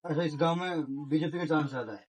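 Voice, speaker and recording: A man working as a field reporter, questioning villagers in a loud, pushy way. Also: on the high side, quick pace, low-quality recording. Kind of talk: street interview.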